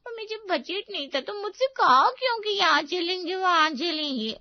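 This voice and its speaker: A shrill, sulky young bride in a cartoon story, played by a woman, her high voice snapping into petulant complaints. The sound is dry and dull, like a lo-fi studio take. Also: expressive, brisk, no room sound. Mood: sulky, angry. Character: sulky young bride, quick-tempered and tearful.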